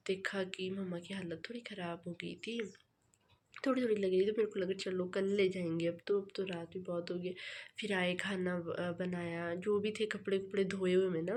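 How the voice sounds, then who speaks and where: A young woman vlogger from the hills of northern India, chatting fast and rambling with many fillers, sounding tired. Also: medium pitch, slight background noise. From Himachal Pradesh, India. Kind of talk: casual vlog chat. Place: home.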